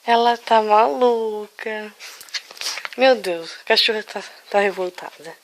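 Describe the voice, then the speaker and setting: A woman, talking in baby talk to her dog at home with high-pitched cooing that shifts into soft soothing. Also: takes it slowly, a little hiss or hum. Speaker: dog owner.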